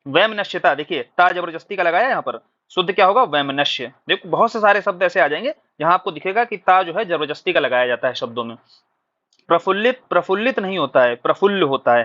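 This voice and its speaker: A man's voice: a little high, pushed and bright. A man teaching a recorded exam-prep lesson, explaining patiently and asking questions before answering them himself. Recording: dull lo-fi recording.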